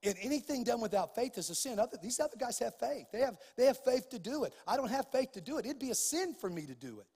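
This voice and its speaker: A man with a husky, unusually high voice preaches a sermon, telling stories and rising to forceful declarations. His voice carries a long reverb through a large church hall. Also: fast talker, few pauses. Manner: animated storytelling preacher, rising to loud emphatic declarations. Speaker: pastor.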